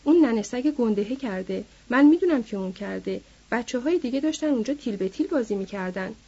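A woman voicing a hot-headed, vengeful young man who issues angry threats, in a husky voice. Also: a little high, animated. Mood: furious. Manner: shouting, furious threats. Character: hot-headed young male ranch boss's son, vengeful. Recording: dull lo-fi recording.

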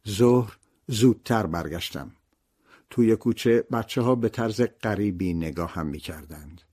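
A man's voice: lowish voice, a little mellow. A man narrating a memoir-style audiobook in a somber, reflective, scripted manner.

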